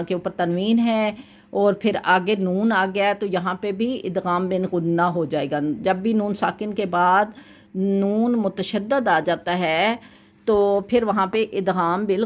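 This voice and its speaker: A woman teaching Quran recitation rules, explaining each point patiently and chanting verses slowly to demonstrate. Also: medium pitch. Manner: often checks in with "thik hai". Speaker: tajweed teacher. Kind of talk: Quran recitation lesson with corrections.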